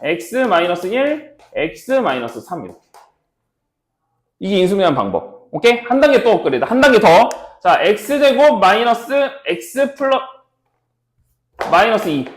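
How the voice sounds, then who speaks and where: A man's voice: sits high, very animated, unhurried, reverberant. A man teaching a math class, walking students through factoring step by step and checking in with them often. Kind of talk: classroom lecture.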